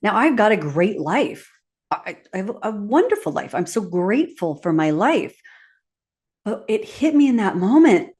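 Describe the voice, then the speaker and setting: A woman's voice: medium pitch, big pitch swings, a little slow, a little mellow. A woman hosting a podcast who tells a personal story and laughs as she acts out her own quotes. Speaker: podcast host.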